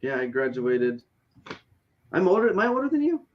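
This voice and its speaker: A man in his late thirties co-hosting a casual podcast, animated and teasing, swearing freely. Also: on the high side, normal speed, highs cut off, a little hiss or hum. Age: 30s. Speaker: podcast co-host.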